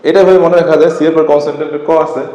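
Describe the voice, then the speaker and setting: A man's voice: a little high, fairly even intonation, racing, warm tone, dull audio. A man teaching a phonics lesson, spelling words out letter by letter and answering his own questions. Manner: patient, asks questions then answers them. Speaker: English teacher. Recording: echoey room reverb, faint noise.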